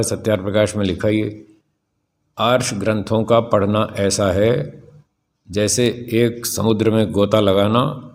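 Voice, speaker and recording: An older man giving a spiritual discourse, emphatic and rhetorical, slowing down to stress key phrases. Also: on the low side, darkish tone. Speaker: spiritual teacher. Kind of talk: spiritual discourse answering questions.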